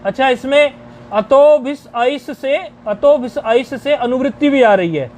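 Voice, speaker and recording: A man teaching a grammar lecture, explaining rules deliberately and chanting each rule syllable by syllable. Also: extremely high pitch, darkish tone, slight background noise.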